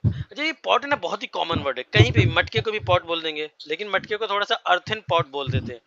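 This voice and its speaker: A man's voice: sits high, animated, fast talker, fairly bright tone, lo-fi sound. A man teaching English vocabulary to a class, explaining each word and checking that everyone follows. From India.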